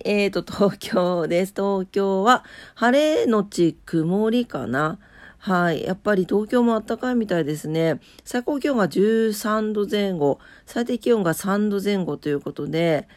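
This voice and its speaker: A mid-range, darkish female voice, nasal, stuffed-up and drowsy, belongs to the host of a daily morning show on weather and today in history. She chats casually as she reads weather and trivia notes, sounding sleepy and unpolished.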